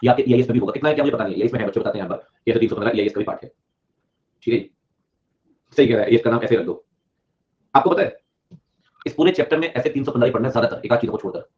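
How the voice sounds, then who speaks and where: A man's voice: mid-range voice, racing, pauses often. A man teaching exam students in a live online class, mixing Hindi and English, joking with the class and repeating key points. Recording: dull lo-fi audio.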